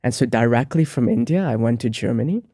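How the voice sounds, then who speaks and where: A man's voice: mid-range voice, animated, fast, dark tone, no room sound, studio quality. A man, a monk and spiritual teacher, telling his life story as an interview guest in a reflective, earnest way with frequent ums and restarts. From grew up in the United States.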